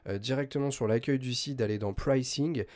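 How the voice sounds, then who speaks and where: A man hosting a software tutorial, explaining step by step in a chatty way, full of hesitations and self-corrections. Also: mid-range voice, fast talker. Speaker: host of a web tools tutorial channel. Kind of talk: screen-recorded software tutorial.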